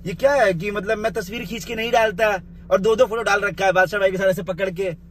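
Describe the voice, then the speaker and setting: A man with a noticeably high-pitched voice goes through a rival's claims point by point in a heated vlog rant. He scolds bluntly, speaking to the other man directly with the informal "you.". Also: steady tone, fast talker, a little hiss or hum. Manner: scolding, addresses the listener with the blunt informal 'you'; point-by-point rebuttal. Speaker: vlogger responding to a rival's live video. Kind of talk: confrontational rant to camera.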